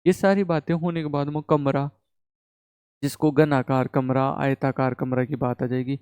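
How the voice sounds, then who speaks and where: A young man teaching a math class, talking lively and often checking with his students. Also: medium pitch, moderate pace, clean tone, no room sound, studio quality. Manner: animated, repeats "ठीक है?" to check the class. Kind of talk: classroom lecture.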